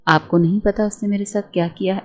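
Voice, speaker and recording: A woman's voice: mid-range voice, steady tone, close to an everyday voice. A woman voicing a childish, easily frightened young bride in a read-aloud romance novel, speaking in a whiny, pleading way. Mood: tearful.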